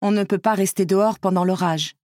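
A woman voicing a gentle, kind young princess in a storybook reading, soft but urgent. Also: medium pitch, fairly even intonation, brisk, dry recording, studio quality, lightly acted. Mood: reassuring.

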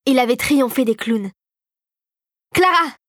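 A woman's voice: fairly high pitch, normal speed, dry recording, clean studio sound. Woman reading a storybook aloud. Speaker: narrator. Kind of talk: audiobook narration.

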